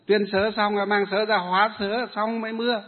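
A Buddhist monk giving a dharma talk to lay followers, asking the audience questions and then answering them himself. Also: male voice, high voice, little pitch movement, brisk. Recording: tinny phone-like sound in a hall with long reverb.

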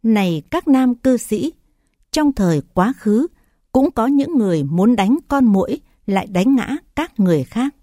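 A woman reading the lines of a wise male teacher in a solemn, measured recital. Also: on the high side, lively intonation, dark tone, no echo, studio quality.

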